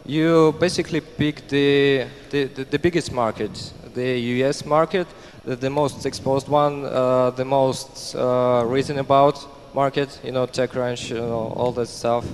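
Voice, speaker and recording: A man's voice: mid-range voice, fairly even intonation, unhurried, hardly any pauses. A young man from Russia speaking on a conference panel, with many repeated words and restarts. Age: young adult. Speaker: panelist, entrepreneur. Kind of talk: panel discussion. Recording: echoey hall, faint background noise.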